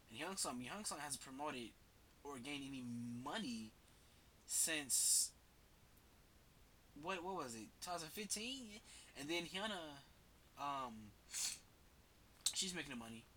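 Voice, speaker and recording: Slight background noise sits behind a man's bright, forceful voice, pitched on the high side. Congested from a head cold, he hosts a podcast alone, rambling casually in slangy talk and cursing freely.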